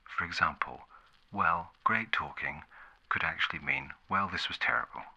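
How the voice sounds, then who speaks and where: Man putting on a very deep, breathy 1950s ad announcer, whispered role-play. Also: highs cut off, heavily acted. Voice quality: breathy, soft, gravelly low voice. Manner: deadpan, formal, measured instruction. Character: 1950s public-service film announcer, formal, condescending instructor of etiquette. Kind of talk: whispered role-play, 1950s ad and public-information narration parody.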